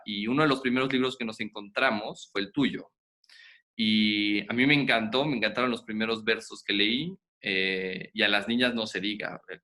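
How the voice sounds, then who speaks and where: A man hosting a podcast, asking questions in a lively, chatty way. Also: lowish voice. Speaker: podcast host, interviewer. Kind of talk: casual interview conversation.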